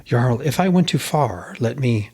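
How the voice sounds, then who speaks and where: A man's voice: mid-range voice, lively intonation, measured pace, darkish tone, breathy edge, pitched above the performer's own voice. A man voicing a hearty, deferential and inquisitive smith in a dramatised reading of a myth tale. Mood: prying, polite. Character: hearty, respectful, eager male smith, a family man.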